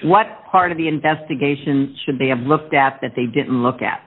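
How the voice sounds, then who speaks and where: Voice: mid-range voice, moderate pace, breathy edge. Thin-sounding, plain-spoken presiding judge. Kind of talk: informal courtroom questioning. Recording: thin phone-like courtroom audio.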